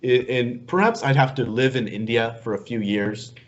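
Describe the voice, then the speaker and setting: A man hosts a relaxed conversation in an even, mid-range voice, genial and a little halting as he hunts for words. The audio is slightly dull and muffled. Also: medium pitch. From Middle East. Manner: genial, repeats words while finding phrasing. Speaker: podcast host. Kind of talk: casual interview conversation.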